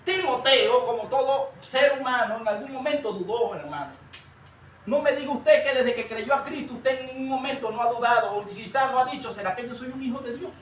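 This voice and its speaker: High-voiced preacher in an echoey hall. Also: male voice, moderate pace. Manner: storytelling, addresses listeners as brother, rises to shouts. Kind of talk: sermon. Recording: echoey room, far from the mic, light noise.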